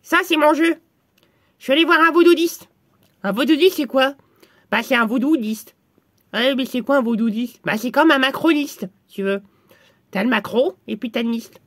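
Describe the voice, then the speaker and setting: A man doing a squeaky foul-mouthed little guy. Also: moderate pace, long pauses, fairly bright tone, no echo, clean studio sound. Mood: bantering. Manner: crude swearing, bickering back and forth. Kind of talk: comedy sketch dialogue.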